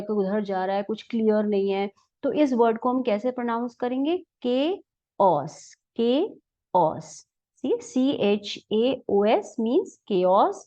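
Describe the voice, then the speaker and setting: A woman's voice: medium pitch, mellow. A woman with an Indian accent teaching English pronunciation in a mix of Hindi and English, spelling words out and repeating them patiently. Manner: slow, spelled-out word by word, patient repetition. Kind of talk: explaining vocabulary lesson. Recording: dull lo-fi recording.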